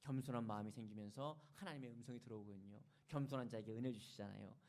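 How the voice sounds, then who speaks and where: A man's voice: mid-range voice, very fast, a little mellow. A male pastor preaching a Sunday sermon in a church, telling stories with dramatic, emphatic rises. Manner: dramatic storytelling, emphatic and rising. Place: church sanctuary.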